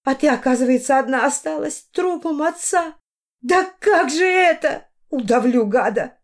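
A woman's voice: on the high side, normal speed, darkish tone, lightly acted. A woman voicing an emotional middle-aged mother who pleads and flares up in anger. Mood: indignant. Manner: pleading, agitated outbursts.

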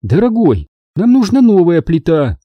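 A man voicing a distracted, stern mother who speaks curtly and high. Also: huge pitch swings, measured pace, no echo, highs cut off, heavily acted. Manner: curt, dismissive.

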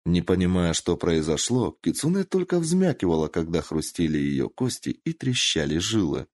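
A man narrating a story aloud with an animated, dramatic delivery. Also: low-pitched, moderate pace, no echo. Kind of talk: expressive story reading.

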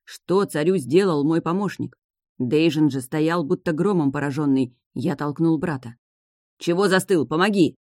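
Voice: mid-range voice, moderate pace, warm tone, dry recording. Dry, close audiobook narrator. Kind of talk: first-person fantasy audiobook narration.

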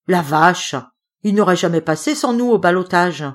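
A woman voicing a rough, boisterous male forest bandit who speaks in rustic dialect. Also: lowish voice, expressive, moderate pace, close to an everyday voice.

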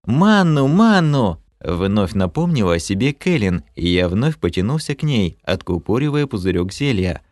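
A man reading a fantasy audiobook in the first person, animated and expressive. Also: sits low, moderate pace, hardly any pauses, no echo, clean studio sound. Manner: animated reading with lively shifts of tone. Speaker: audiobook narrator.

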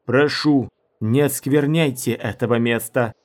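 A man's voice: medium pitch, fairly even intonation, a little slow, lightly acted. A man voicing an earnest woman guardian who speaks with pleading sincerity in an audiobook. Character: earnest woman defender of a holy place.

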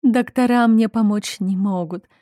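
A woman's voice: medium pitch, warm tone, dry recording, studio quality, voice pushed up, close to an everyday voice. A woman voicing a hysterical, melancholy young noblewoman who sobs and lashes out. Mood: distraught. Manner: sobbing, drawn-out, raised outbursts.

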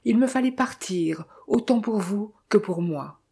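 A troubled young woman from a novel, sorrowful and torn, pleading in a mellow, husky voice, as a woman reads her out. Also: mid-range voice, expressive, unhurried, exaggerated voice.

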